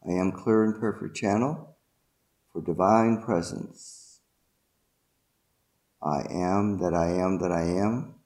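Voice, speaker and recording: Male meditation guide, lowish pitch, very slow ceremonial delivery with short, deliberate phrases. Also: steady tone, darkish tone.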